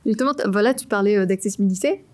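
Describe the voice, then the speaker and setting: A woman hosting an interview, asking questions in a halting way with fillers and often murmuring agreement. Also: mid-range voice, a little mellow. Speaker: interview host. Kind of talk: casual interview chat.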